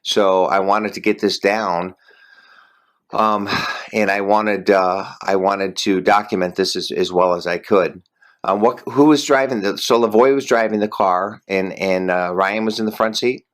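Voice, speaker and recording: A man's voice: lowish voice, unhurried. A man interviewing a witness, asking hesitant, stumbling questions. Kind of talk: phone interview.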